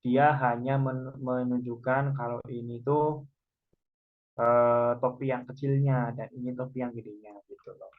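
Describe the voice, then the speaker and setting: A man's voice: medium pitch, little pitch movement, measured pace. A man teaching a Korean language class online, patiently explaining each point step by step. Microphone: video call. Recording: muffled video call audio.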